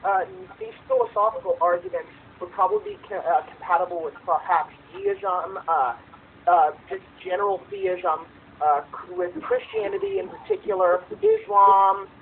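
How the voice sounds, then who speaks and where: A man arguing a philosophical point in a casual online discussion, halting with lots of fillers and restarts. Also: sits high, gravelly, phone-quality sound, slight background noise. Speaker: debate participant. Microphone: computer microphone on a voice call. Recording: compressed online voice call.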